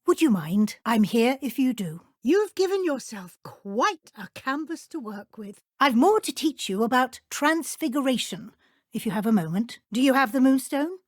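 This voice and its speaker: An actress playing a brisk, strict but encouraging British witch professor in a video game, speaking in a formal, articulate way. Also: sits high, very animated, no echo, studio quality. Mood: composed, instructive. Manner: crisp, formal, articulate schoolteacher. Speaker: professor and deputy head at a wizarding school. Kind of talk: video game character dialogue.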